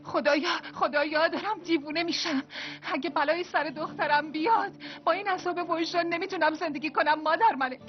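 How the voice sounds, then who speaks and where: A woman's voice: very high voice, hardly any pauses. A desperate pleading mother. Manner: pleading, tearful. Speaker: mother searching for her daughter. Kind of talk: dubbed TV drama. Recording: dull lo-fi TV audio with music.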